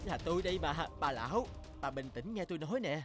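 A woman voicing an old husband turned young again in a storybook cartoon, speaking in a lowered, hearty voice with chuckles. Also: animated, quick pace, over music. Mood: delighted. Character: old man made young again, cheerful, devoted husband.

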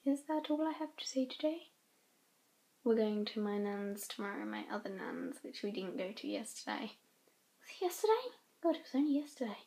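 A woman's voice: fairly high pitch, fairly quick, mellow. A teenage girl vlogging casually. Outdoors she walks her dog on a cold street and is out of breath, later she talks to a handheld camera. She rambles and often drops into a whisper. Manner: rambling, chatty, drifts into whispers. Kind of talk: casual vlog chat.

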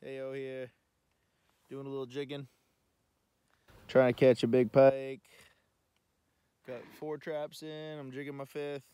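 A man casually narrating his ice fishing vlog outdoors on a frozen river, with excited bursts whenever a fish bites. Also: mid-range voice, unhurried, long pauses, smooth, no echo. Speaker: fishing vlogger. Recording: noisy outdoor recording.

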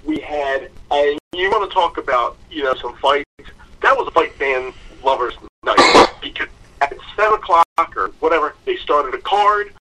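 A man's voice: on the high side, expressive, normal speed, sharp tone, recorded from a distance, a little hiss or hum, low-quality recording. A man co-hosting a fight podcast, telling a long self-mocking story in casual chat. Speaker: podcast co-host.

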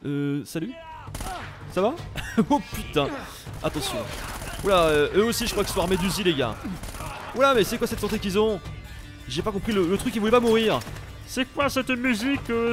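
A young French man giving casual, animated commentary while playing a video game, exclaiming at the action. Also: high voice. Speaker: let's play host.

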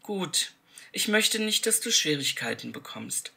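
A woman's voice: lowish voice, big pitch swings, unhurried, creaky, pushed and bright, breathy edge, pitched above the performer's own voice, full character voice. A woman voicing a brave, caring seventeen-year-old girl who speaks urgently and with indignation. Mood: earnest.

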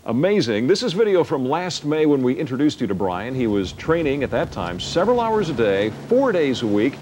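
A middle-aged American TV anchor reads the news in scripted broadcast style from a TV news studio. His mid-range voice is fairly quick and a little mellow, with big swings in pitch. The audio comes from a noisy old broadcast tape.

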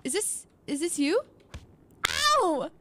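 A woman's voice: high-pitched, big pitch swings, normal speed, fairly bright tone. A young woman streaming an in-character role-play game, giggly and exclaiming.

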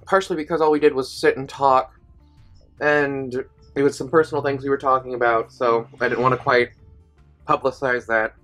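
A woman's voice: rumbling low, fairly even intonation, moderate pace, fairly bright tone, faint music behind. A woman vlogging casually to a handheld camera, chatty and rambling, often poking fun at herself. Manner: chatty, rambling, self-deprecating. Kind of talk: casual diary vlog to camera.

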